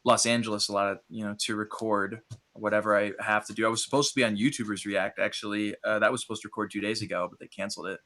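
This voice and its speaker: A man talking casually as a podcast guest, upbeat and animated, a voice impressionist. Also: fairly low pitch, quick pace.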